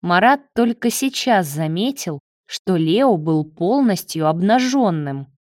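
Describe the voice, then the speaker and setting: A woman narrating an audiobook in a steady, measured reading voice. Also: fairly low pitch, dry recording, studio quality.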